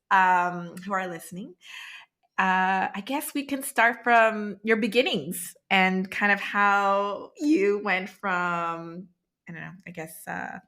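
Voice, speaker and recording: A woman's voice: on the low side, bright, forceful tone. A woman hosting a podcast, enthusiastic and welcoming as she introduces her guest. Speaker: podcast host. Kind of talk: scripted intro then casual interview.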